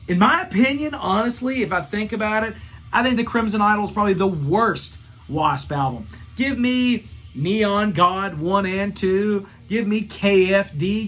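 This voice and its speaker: A man hosting a rock review channel, talking excitedly and profanely about a concert and singing bits of the songs. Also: high voice.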